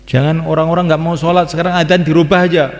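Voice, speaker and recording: A man's voice: on the high side, little pitch movement, fast. A man from Indonesia, preaching to a gathering and repeating his phrases again and again. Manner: repeats phrases, sings call-to-prayer lines. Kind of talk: religious talk to a gathering. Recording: long hall reverb.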